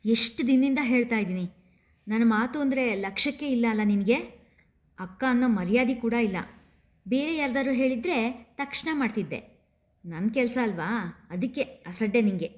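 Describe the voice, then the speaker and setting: A woman's voice: on the high side, brisk, darkish tone, voice pushed up, lightly acted. A woman voicing a young bride who scolds her younger brother and is close to tears. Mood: scolding. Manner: scolding, wounded. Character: young bride, hurt and tearful.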